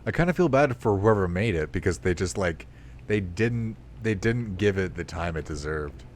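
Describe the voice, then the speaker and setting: A man's voice: low-pitched, lively intonation, normal speed, a little mellow, slight background noise. A young man streaming a game, rambling casually, swearing freely and mocking himself as he plays. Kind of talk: casual gameplay commentary.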